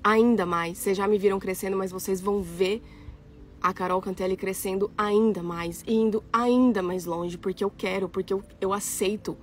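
Speaking at a moderate pace in a steady, mid-range voice, a young Brazilian architect and influencer reads comments and talks casually to her followers, addressing them as "gente." Her delivery is emphatic with repeated phrases, over a faint hiss or hum.

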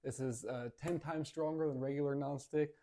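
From his dining room and kitchen, a thirtysomething American guy reviews and demos a product for the camera in a relaxed, cheerful, folksy manner. His voice sits slightly high, mellow and steady, at a normal speed.

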